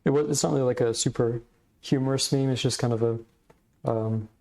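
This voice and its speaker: A man's voice: medium pitch, fairly even intonation, brisk, darkish tone. A man hosting a podcast, giving casual, reflective commentary in hesitant, meandering phrasing. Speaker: podcast host.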